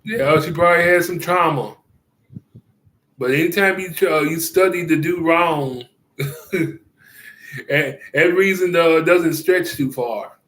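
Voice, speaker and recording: A man giving casual commentary, rambling and halting with many fillers and restarts, chuckling often. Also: a little high, a bit bright, echoey room, rough recording.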